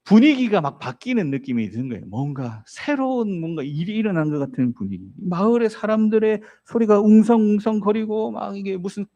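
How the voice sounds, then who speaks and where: High-voiced, animated male preacher. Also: brisk, few pauses, lo-fi sound. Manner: asks the congregation rhetorical questions; storytelling, acts out voices in the story. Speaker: pastor. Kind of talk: sermon.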